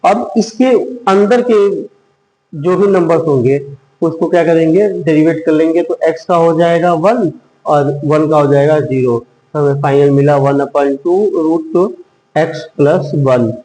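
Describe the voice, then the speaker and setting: A man's voice: on the high side, dark tone, roomy sound, poor audio. A man teaching a math lesson step by step, asking himself questions as he works through each problem. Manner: slow, step-by-step explaining with rhetorical questions.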